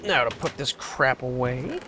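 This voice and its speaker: A man's voice: mid-range voice, expressive, unhurried, bright, forceful tone, slight background noise. A young man hosting a casual let's play, rambling through his plans with sarcastic asides and frequent laughs. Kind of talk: casual gameplay chat.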